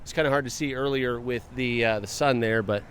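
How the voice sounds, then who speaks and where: Man, mid pitch, casual dealership walkaround, chatty asides, faint street noise outdoors. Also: fairly quick, fairly bright tone. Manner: friendly, chatty, remarks to himself as he goes. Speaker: car dealership presenter. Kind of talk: casual vehicle walkaround narration. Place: outdoors around a car, then inside it.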